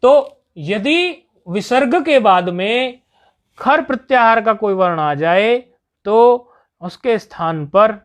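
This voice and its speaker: A man's voice: high-pitched, animated, takes it slowly, fairly bright tone. A man teaching Sanskrit grammar in a patient lesson, repeating each point and checking that students follow.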